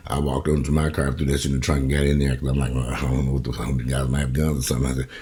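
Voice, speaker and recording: A middle-aged man with an extremely deep voice talks straight into his camera. He rambles through everyday stories, swearing freely and acting out what people said. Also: fast. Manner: rambling, profane, animated retelling with quoted voices. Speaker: vlogger. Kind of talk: casual storytelling monologue.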